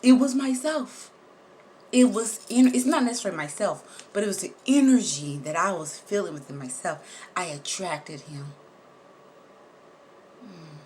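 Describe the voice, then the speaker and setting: A woman telling a personal story straight to her viewers, animated and emphatic, repeating words for effect and swearing casually. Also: lowish voice, normal speed, slight background noise. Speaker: vlogger.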